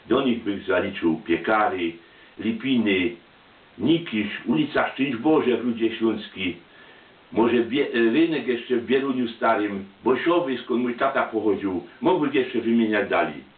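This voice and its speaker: A man's voice: on the low side, animated, a little slow. A man with a Silesian accent telling personal anecdotes in a chatty, colloquial dialect. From Silesia, Poland. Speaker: storyteller, amateur photographer. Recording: tinny, roomy, distant microphone.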